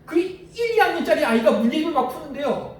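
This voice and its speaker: A man's voice: very high voice, animated, fast talker. A male pastor preaching a conversational sermon, asking the congregation questions and telling stories from home. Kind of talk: sermon with storytelling. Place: church sanctuary. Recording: echoey church hall, distant mic.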